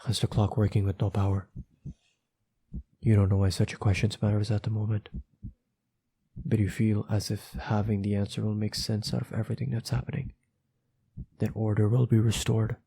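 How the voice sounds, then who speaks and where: A man reading a second-person horror story aloud, quickly and with stumbles and nervous asides to his viewers. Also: fairly low pitch, level tone, vocal fry, mellow, breathy edge.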